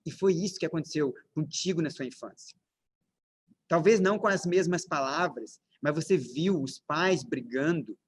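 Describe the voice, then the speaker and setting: A man's voice: fairly high pitch, normal speed, husky. A Brazilian man with a Brazilian Portuguese accent gives a lecture on parenting, asking his audience many rhetorical questions and stressing his points with emphasis. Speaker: parenting speaker. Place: lecture room with slides.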